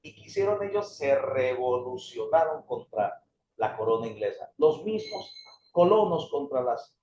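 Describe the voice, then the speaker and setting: A man's voice: medium pitch, a little slow, a little hiss or hum. A man teaching a theology history class, calling his students brothers, his voice rising and falling as he explains. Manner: addresses students as brothers, lively rises and drops. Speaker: theology instructor. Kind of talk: classroom lecture. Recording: echoey room, dull lo-fi sound.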